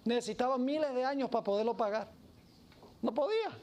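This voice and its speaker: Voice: mid-range voice, quick pace, a little mellow. A preacher giving an emphatic sermon who acts out the voices of the story.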